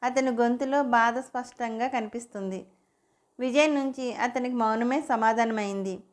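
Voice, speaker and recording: A woman narrates a romantic story in a steady, even reading voice. Her pitch sits a little high for a woman. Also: normal speed.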